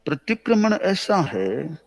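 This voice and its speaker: A man with an Indian accent giving a conversational, gently instructive sermon, repeating his points and chanting recited verses slowly. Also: a little high, sing-song. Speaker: Jain spiritual teacher. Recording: long reverb of a large hall.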